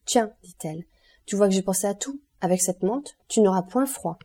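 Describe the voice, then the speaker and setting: A woman reading an audiobook and voicing a bold, daring young woman who speaks briskly and confidently. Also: medium pitch, expressive, warm tone, husky.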